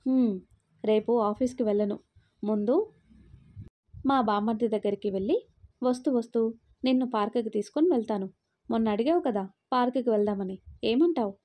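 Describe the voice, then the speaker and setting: Woman reading a gentle, coaxing young husband in a storybook, mellow tone. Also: a little high, normal speed, pauses often, close to an everyday voice. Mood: caring.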